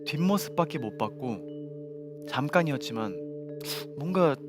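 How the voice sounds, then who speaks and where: A young man telling a ghost story to friends in polite, measured formal narration, as co-host of a show. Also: on the high side, animated. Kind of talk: spoken storytelling among friends. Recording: music behind the voice.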